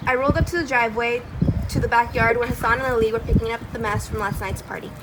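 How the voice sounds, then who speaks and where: In a scripted readers' theatre piece, a woman performs as a remorseful Afghan narrator looking back on his boyhood. She reads at a quick pace in a steady, rather high voice close to her everyday one, sounding reflective and remorseful in an echoey room with faint noise behind her.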